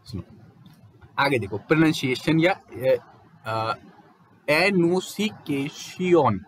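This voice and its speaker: A young man giving a casual, fluent lecture as a teacher, explaining quickly and mixing in English terms. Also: fairly high pitch, lively intonation, fairly bright tone, slight background noise.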